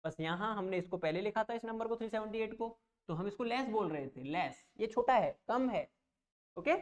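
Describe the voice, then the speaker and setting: A coaching teacher with a high, animated voice leads an online math class patiently and reassuringly. He goes through each step slowly, says the numbers aloud and checks that students follow, keeping his explanations plain and simple.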